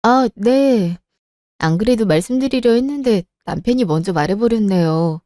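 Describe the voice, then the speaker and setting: A woman's voice: medium pitch, lively intonation, normal speed, dark tone, dry recording, clean studio sound, lightly acted. Woman playing an anxious, pleading young wife. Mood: polite, surprised. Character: worried married daughter, young mother. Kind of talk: radio drama acting.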